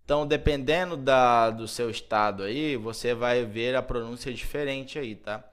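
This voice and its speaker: A man's voice: mid-range voice, moderate pace, fairly bright tone, smooth. A man with a Brazilian Portuguese accent from Mato Grosso, teaching an English lesson and repeating words to drill them.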